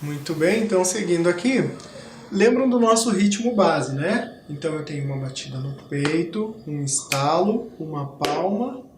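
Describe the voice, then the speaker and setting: Brazilian teacher, male, high-pitched, patient explainer; echoey noisy room recording. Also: lively intonation, moderate pace. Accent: Brazilian Portuguese. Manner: patient, explanatory, demonstrating body percussion. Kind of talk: school TV music lesson.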